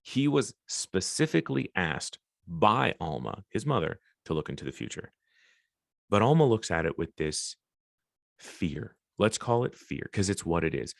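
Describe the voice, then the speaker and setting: A man with a low, deep voice gives a reflective solo podcast monologue. His delivery swings widely in pitch as he talks earnestly and encouragingly, with casual swearing along the way. The sound is close and dry, with no room echo. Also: gravelly. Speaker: podcast host.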